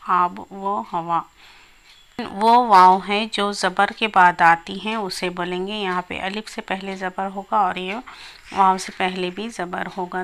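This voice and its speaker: A woman's voice: mid-range voice, a bit bright. A woman teaching a grammar lesson for exam preparation, explaining step by step and repeating example words.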